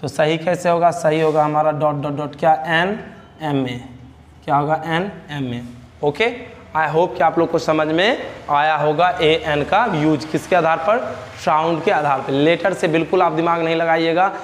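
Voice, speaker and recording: A male teacher with a Bihari Hindi accent, his voice sitting a little high as he drills a grammar lesson. He keeps asking the class a question and answering it himself, repeating key terms. The sound carries a long reverberant tail. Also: normal speed.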